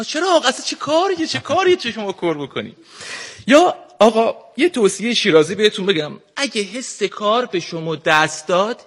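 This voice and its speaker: A man's voice: high voice, a bit bright. A middle-aged man with a Shirazi accent doing stand-up comedy on a stage, with a lazy, drawling, joking delivery. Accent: Shirazi Persian.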